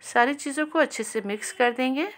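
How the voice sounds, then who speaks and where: A woman hosting a cooking channel, giving a calm, step-by-step recipe voice-over and speaking directly to viewers. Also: high voice, a little fast.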